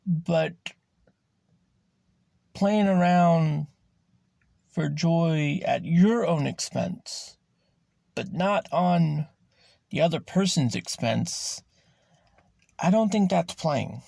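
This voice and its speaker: Gravelly, emphatic man talking candidly. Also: a little high, warm tone, no room sound. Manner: raw, emphatic, swears freely; slows and stretches words for emphasis. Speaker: podcast host. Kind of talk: candid personal monologue.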